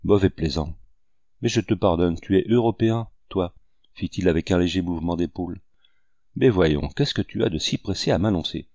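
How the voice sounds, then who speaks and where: A man's voice: low voice, moderate pace, a little mellow, dry recording, studio quality. A man voicing a jovial Creole general in his thirties bringing urgent news.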